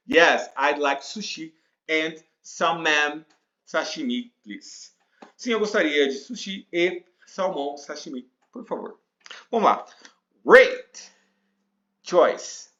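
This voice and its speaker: Lively, slow-paced Brazilian teacher, roomy sound. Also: male voice, a little high, dull audio. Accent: Brazilian Portuguese. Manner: explains patiently, checks in with "né?" and "tá?", reads English example lines slowly. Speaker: English teacher. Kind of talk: casual spoken language lesson.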